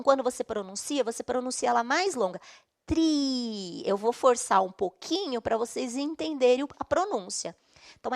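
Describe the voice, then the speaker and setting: A woman's voice: a little high, vocal fry. A woman with a Brazilian Portuguese accent teaching an online English class, explaining patiently step by step and checking in often.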